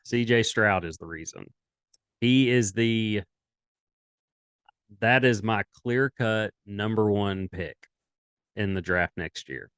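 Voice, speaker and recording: A man's voice: lowish voice, smooth, no echo. A young man co-hosting a sports podcast, chatting casually and rambling through his takes. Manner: rambling, animated, quotes others in put-on voices.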